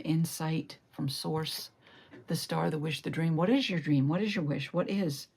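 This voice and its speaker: A woman giving a solo tarot reading, reflective and lingering over each card, sometimes slipping into a breathy whisper. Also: sits low, a little mellow. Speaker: tarot reader.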